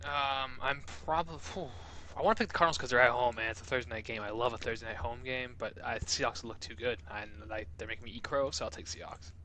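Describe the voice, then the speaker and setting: A man's voice: medium pitch, quick pace, pushed and bright, a little hiss or hum. A young man co-hosting a sports podcast, joking around in laid-back casual chat. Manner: jokey, laid-back, says dude. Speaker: podcast co-host.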